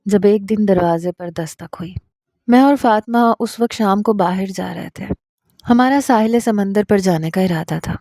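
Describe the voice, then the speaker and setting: Mellow woman reading a story. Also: mid-range voice, no echo, clean studio sound. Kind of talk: storybook narration.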